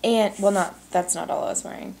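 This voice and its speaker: A young adult woman vlogger telling a story in a casual, animated way, full of "like"s, recorded at home on a camcorder. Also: mid-range voice, a little fast. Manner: animated, chatty, many "like"s. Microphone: camcorder on tripod.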